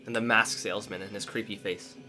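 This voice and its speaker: Man, let's play co-host, bright and easy voice, jokey rambling chat, quiet game music behind. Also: lowish voice, fairly even intonation, fairly quick. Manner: jokey, chatty, rambling with many "like"s. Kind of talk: casual gameplay chat.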